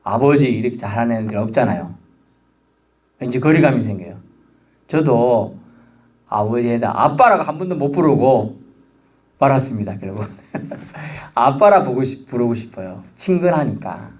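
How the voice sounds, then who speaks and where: Animated Korean pastor preaching. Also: male voice, medium pitch, moderate pace, pauses often. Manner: animated, acts out a child's pleading voice. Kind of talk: sermon.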